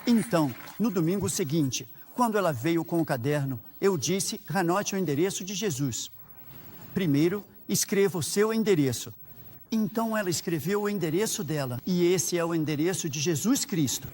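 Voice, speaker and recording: A man's voice: high-pitched, expressive, normal speed, darkish tone. A man with a Brazilian Portuguese accent preaching a sermon as a pastor, telling stories and voicing prayers aloud with earnest fervor. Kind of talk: sermon with personal anecdotes.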